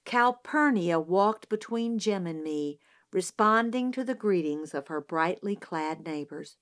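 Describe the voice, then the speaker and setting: A woman reading a novel aloud as an audiobook narrator, in measured, unhurried storytelling. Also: lowish voice, animated.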